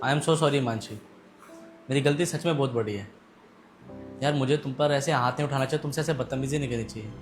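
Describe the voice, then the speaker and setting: A man acting as a hot-tempered husband and father, shouting at times and speaking softly when he apologizes, in a family drama skit. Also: mid-range voice, brisk, long pauses, over music, close to an everyday voice. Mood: contrite.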